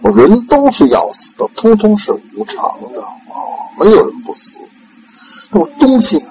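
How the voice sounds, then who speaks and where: A patient old male Zen master who explains and insists, raised above the teller's usual pitch, with an old man playing him. The voice keeps a gravelly texture throughout. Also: animated, normal speed, a little mellow, slight background noise, low-quality recording. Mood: explaining.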